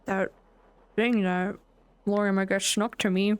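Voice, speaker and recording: A woman's voice: mid-range voice, flat delivery, a little slow, clear, resonant tone, no room sound. Woman talking dry and close in VR. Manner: soft-spoken in character, swears when annoyed out of character. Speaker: VR role-play streamer. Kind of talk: casual in-character role-play chat.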